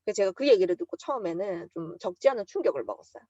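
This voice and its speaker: A woman's voice: medium pitch, racing, no room sound, highs cut off. A woman with a Busan accent giving a motivational seminar talk, telling stories from her own experience. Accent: Busan Gyeongsang. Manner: lively storytelling, acts out quotes with bursts of emotion.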